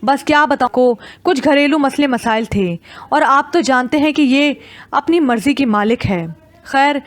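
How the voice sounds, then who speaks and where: A woman's voice: high-pitched, dry recording, natural voice. A woman reading as a polite male teacher. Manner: polite, formal.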